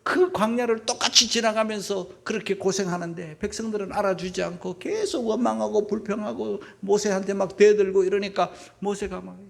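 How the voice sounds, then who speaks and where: A male pastor preaching a sermon, swinging from loud emphatic bursts to hushed whispers and calling his congregation to read along together. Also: high voice, a little fast, vocal fry, hardly any pauses. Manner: leads the congregation in reading aloud together. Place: church sanctuary.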